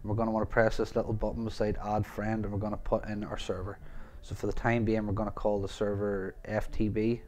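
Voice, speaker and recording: Low-voiced Northern Irish tutorial host. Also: male voice, flat delivery, fairly quick, a little mellow. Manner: step-by-step, repeats "gonna wanna". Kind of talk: screen-recorded tech tutorial narration.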